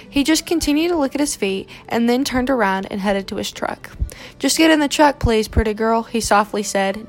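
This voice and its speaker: Gravelly woman reading a novel aloud. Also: fairly high pitch. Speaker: narrator. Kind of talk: scripted audiobook narration.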